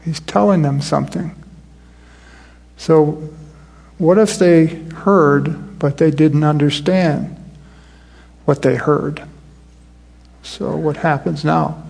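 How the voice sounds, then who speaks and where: Gravelly-voiced man preaching conversationally. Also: a little high, fairly even intonation, slow pace, pauses often, darkish tone. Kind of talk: sermon.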